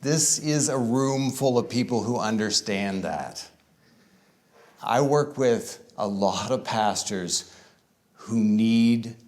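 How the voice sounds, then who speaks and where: A man addresses a room of pastors in an unhurried conference talk. His voice sits fairly low, and he drawls through his points, stretching key words out for weight while keeping a friendly, conversational tone. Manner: conversational, with varied emphasis and deliberate slow stretches. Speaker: conference speaker. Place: conference room with live audience.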